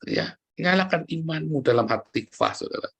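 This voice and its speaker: A man preaching a sermon, lively and joking, often turning to address the congregation directly. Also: on the high side, brisk, gravelly, slightly rough. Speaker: pastor.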